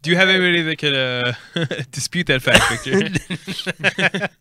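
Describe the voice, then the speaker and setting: A man's voice: a little high, normal speed, bright, forceful tone, smooth, no room sound, studio quality. A man with a Texan accent co-hosting a casual beer podcast, laid-back and chuckling, with lots of fillers. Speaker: podcast co-host. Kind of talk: casual beer-drinking chat.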